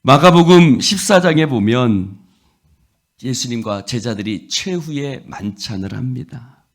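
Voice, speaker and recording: A man's voice: medium pitch, expressive, a little slow. A male pastor preaching a dawn prayer sermon. He acts out the disciples' words and leads the congregation in repeating lines. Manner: acts out quoted disciples with rising intensity.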